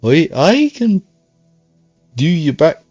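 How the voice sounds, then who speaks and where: A man voicing a gruff middle-aged northern English tradesman in a hammed-up mock Geordie and Yorkshire accent. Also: a little high, sing-song, slow pace, darkish tone, dull audio, soft background music, pitched above the performer's own voice, heavily acted. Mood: hammy. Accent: mock Geordie mixed with Yorkshire. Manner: folksy, hammed-up.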